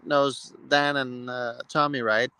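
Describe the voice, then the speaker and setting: A man's voice: mid-range voice, level tone, takes it slowly, sharp tone, smooth, no echo, rough recording. A man from Norway hosting a casual live stream, talking with enthusiasm in loose, rambling sentences full of restarts. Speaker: host. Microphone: live-stream mic.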